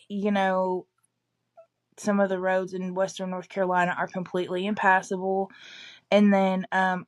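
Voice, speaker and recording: A woman with an East Tennessee accent, chatting casually as a local resident giving news, often backtracking and qualifying what she says. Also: mid-range voice.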